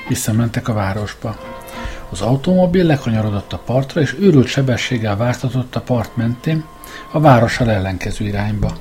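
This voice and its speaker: A man giving a measured, scripted first-person narration of a story as an audiobook reader. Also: mid-range voice, dark tone.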